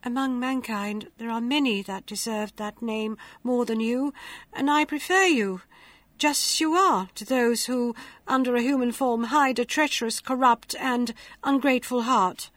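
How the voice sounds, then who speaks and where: Woman reading calm earnest young heroine, soft, fairly high, dry. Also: a little slow, dry recording.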